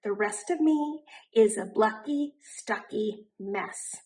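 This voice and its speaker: A woman reading a children's picture book aloud in an animated way, drawing out words for emphasis. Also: medium pitch. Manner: animated, deliberate, drawn-out emphasis on rhyming words. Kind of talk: expressive children's storybook narration.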